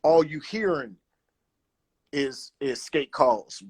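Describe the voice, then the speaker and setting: Animated man, casual talk. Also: on the high side, takes it slowly, husky. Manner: animated, loose slang, restarts often, says "you know what I'm saying". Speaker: guest roller skater. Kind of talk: casual conversation.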